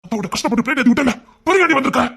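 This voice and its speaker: A man's voice: extremely high pitch, lively intonation, vocal fry, a bit bright, breathy edge, heavily acted. A man playing a young rowdy who broods over a past heartbreak and scolds a woman for coming back. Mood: scolding. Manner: scolding, rapid, exasperated. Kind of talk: amateur romance drama acting.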